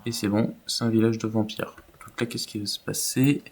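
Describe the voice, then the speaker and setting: A man's voice: fairly low pitch, steady tone, normal speed, husky. A man giving casual, rambling commentary over his own video game play, with many fillers. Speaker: gaming YouTuber.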